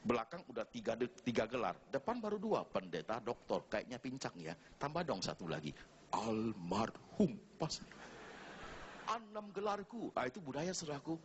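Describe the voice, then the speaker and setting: Man, pastor, humorous sermon, mimics characters, lively pitch, faint background ambience. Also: moderate pace, highs cut off, slight background noise. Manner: humorous, animated storytelling with mimicked voices. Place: church.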